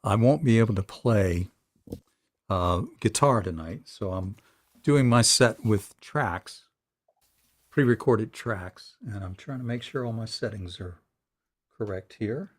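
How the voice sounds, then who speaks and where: A man's voice: on the low side, a little slow. A man from Virginia hosting a songwriter showcase over a video call, talking casually and rambling with lots of fillers. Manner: rambling, filler-heavy, soft-spoken asides. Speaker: songwriter association president and show host. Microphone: computer mic on a video call. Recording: long reverb on the voice.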